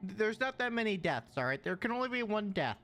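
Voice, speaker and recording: A man streaming a video game, commenting live to chat in an excitable way and repeating words in bursts. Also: high voice, fairly quick.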